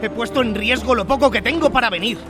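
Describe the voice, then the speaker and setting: Agitated gentleman doctor, insistent, high voice, radio drama, loud music. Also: quick pace. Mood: flustered, stubborn. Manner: flustered, insistent, stammering slightly. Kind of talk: Spanish radio drama acting.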